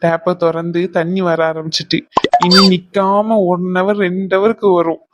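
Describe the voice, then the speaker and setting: A woman's voice: fairly low pitch, steady tone, normal speed, very noisy, lightly acted. A woman voicing a pleading young cartoon husband. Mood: remorseful. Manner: coaxing, teasing and pleading. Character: young husband apologizing to his upset wife. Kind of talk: cartoon voice acting.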